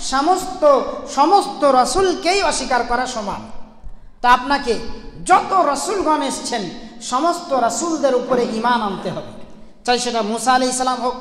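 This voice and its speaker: A man's voice: very high-pitched, fairly bright tone. A man preaching a Friday sermon in a mosque, emphatic, counting off points and repeating key phrases. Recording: echoey hall with long reverb.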